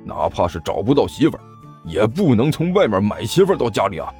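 A man's voice: on the low side, very animated, a little fast, mellow, soft background music. A man voicing a stern, suspicious middle-aged uncle from the neighborhood who lectures and scolds. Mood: lecturing.

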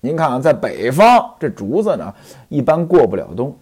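A man's voice: medium pitch, big pitch swings, moderate pace, a little mellow, breathy edge. A man telling and explaining a classic story, chatting directly to his listeners. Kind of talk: storytelling commentary on a classic novel.

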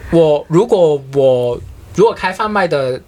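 A woman's voice: low-pitched, lively intonation, unhurried, mellow. A woman guest from Guangxi telling funny stories in a casual chat, laughing often and acting out her own panic. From Guangxi, China. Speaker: podcast guest.

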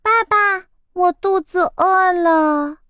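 A woman's voice: extremely high pitch, slow, fairly bright tone, no room sound, clean studio sound, voice pushed up, heavily acted. A woman voicing a spoiled, whiny little egg girl in a children's storybook reading, pleading in a childish way.

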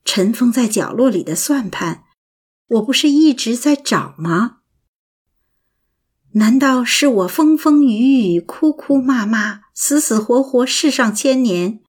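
A woman narrating a prose essay in a lilting, expressive reading voice. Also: on the high side. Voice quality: husky.

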